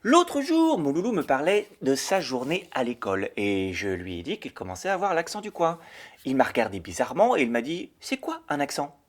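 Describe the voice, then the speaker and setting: A man hosting a children's educational show, explaining things in a playful, animated way. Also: mid-range voice, brisk. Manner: animated, sing-song and playful. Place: home.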